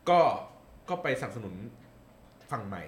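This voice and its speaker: A man's voice: on the low side, very animated, measured pace, roomy sound, a little hiss or hum. A man chatting casually about politics, hesitant and thinking aloud with many fillers. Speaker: political commentator guest.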